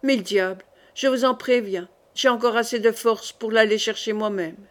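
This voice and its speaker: A woman's voice: a little high, steady tone, normal speed, a bit bright, lightly acted. A woman reading the part of a dying young king, grave, solemn and commanding.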